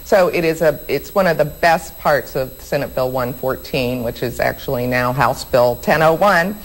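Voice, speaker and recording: A woman's voice: extremely low pitch, normal speed, low-quality recording. A woman, a government reform advocate, speaking firmly on policy in a panel discussion. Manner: firm, policy-focused.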